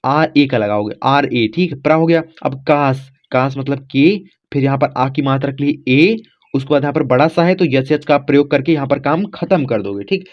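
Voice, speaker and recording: Guy teaching a lesson, spells it out letter by letter, keeps saying ok, bit high voice, muffled recording. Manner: repeats "theek" constantly, spells letters aloud step by step; addresses viewers as friends, informal. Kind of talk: casual classroom explanation. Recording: dull lo-fi recording.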